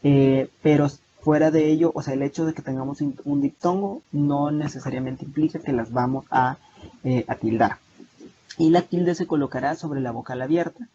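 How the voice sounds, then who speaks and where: A young man with a Salvadoran Spanish accent explains a lesson over a video call, his voice pitched a little high and mellow in tone. He talks steadily but fills his pauses with many hesitations and restarts. The call sounds dull and lo-fi, with a faint hiss behind him. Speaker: online tutor. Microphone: video call mic.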